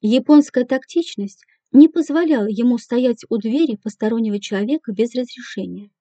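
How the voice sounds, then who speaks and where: A woman narrating an audiobook in a measured, even reading voice. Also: a little high, no echo. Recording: dull, dry lo-fi recording.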